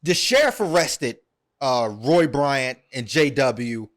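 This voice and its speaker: A man's voice: mid-range voice, animated, takes it slowly. A man hosting a podcast, retelling a story at length in a casual, earnest way, with many ums and repeated words. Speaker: podcast host.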